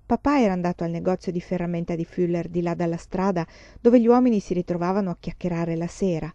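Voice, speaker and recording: A woman narrates a novel aloud in a slow, calm, expressive way. Her voice is warm and mellow. The recording is dry, close and somewhat dull. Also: on the low side, no echo. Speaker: audiobook reader. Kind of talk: scripted narration.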